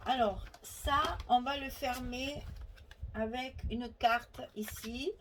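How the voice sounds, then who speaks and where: A woman's voice: high voice, fairly even intonation, slow, fairly bright tone, slight background noise, rough recording. A woman with a Provençal French accent hosting a chatty, step-by-step scrapbooking tutorial, thinking aloud and correcting herself as she goes.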